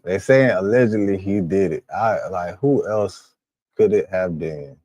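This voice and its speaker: Low, mellow-voiced man reacting. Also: unhurried, no room sound. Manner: profane, exclamatory outbursts. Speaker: reaction streamer. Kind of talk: live reaction commentary.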